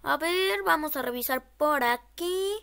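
A woman's voice: high voice, animated, unhurried, creaky, a bit bright. A woman horror game streamer giving casual, scared gameplay commentary, nervously repeating short phrases.

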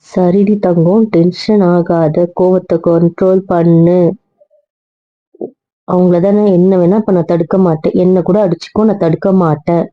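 A woman's voice: fairly low pitch, steady tone, brisk, phone-quality sound, lightly acted. A woman playing a young doctor and wife who coaxes her angry husband with endearments and scolds him. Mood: coaxing. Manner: coaxing, then scolding. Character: young wife, bossy yet coaxing.

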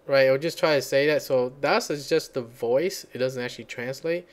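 Casual tutorial host, male, mid pitch, rambling, talks while typing. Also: normal speed. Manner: rambling, thinks aloud and searches for words. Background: computer keyboard typing.

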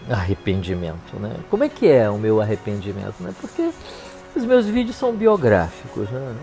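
An older man, a clinical psychologist, giving a slow reflective monologue full of tag questions. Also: mid-range voice, dark tone. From Brazil. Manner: unhurried, musing, tag questions.

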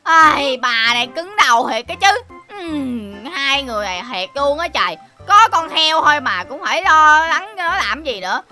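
A man's voice: very high voice, sing-song, normal speed, bright, forceful tone, faint music behind, full character voice. A man voicing a cheeky, fussy childish boy hero in a game role-play, whining and boasting. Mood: grumbling. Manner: whiny, exclaiming, boastful.

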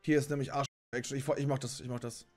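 A young man streaming a party game with friends, excitably exclaiming and cursing at every turn. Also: medium pitch, quick pace, music in the background. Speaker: gaming streamer playing with friends. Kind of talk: excited multiplayer gaming chat.

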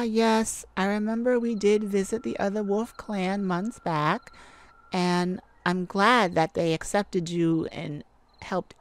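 With a fairly low pitch, a woman voices a mage sweetheart for a romantic ASMR roleplay. The character is affectionate and excitable, rambling, gushing and quick to get flustered.

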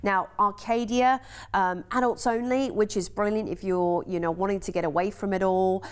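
A woman's voice: mid-range voice, steady tone, moderate pace, smooth. A woman with an English accent presenting cruise deals on a shopping channel, chatty and enthusiastic with frequent ums.

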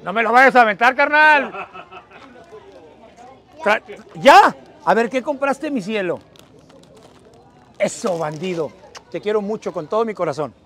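A man's voice: sits high, expressive, measured pace, pauses often, bright, forceful tone, some chatter behind. A middle-aged man with a northern Mexican accent campaigning on the street, chatting in affectionate slang and calling out to passers-by. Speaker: political campaigner. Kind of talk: casual street campaigning chat. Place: outdoors on a dusty neighborhood street. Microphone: phone held by someone a few meters away. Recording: noisy outdoor street, phone video.

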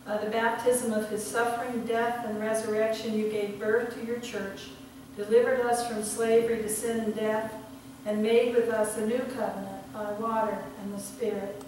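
An older woman pastor recites communion liturgy in measured, solemn phrases. Her delivery stays fairly level in pitch. The voice rings with a heavy cathedral echo and sounds distant from the mic, with clear noise around it. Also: level tone, a little mellow. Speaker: pastor leading a church service. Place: church sanctuary, indoors at the altar. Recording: very echoey church, distant mic, background noise.

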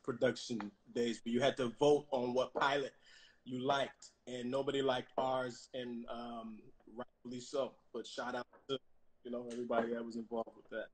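Brief: easygoing male guest, mid-pitch, dry wit, pauses and restarts. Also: level tone. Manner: laid-back, halting, dry humor. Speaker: guest actor. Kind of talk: casual interview.

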